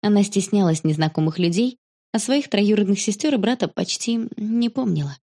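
A woman narrating a children's story in a calm, even storytelling manner. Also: medium pitch, moderate pace.

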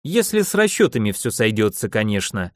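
A man's voice: on the low side, big pitch swings, brisk, no echo, clean studio sound, pitched below the performer's own voice. A man voicing a brash, cheeky young man who talks with insolent mockery in an audiobook. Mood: scheming. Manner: insolent, teasing.

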